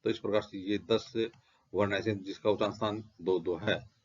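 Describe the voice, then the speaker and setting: A man's voice: lowish voice, fairly even intonation, normal speed, breathy edge. A man teaching Sanskrit grammar in a lecture style, reciting lists of letters and answering his own questions. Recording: dull lo-fi recording.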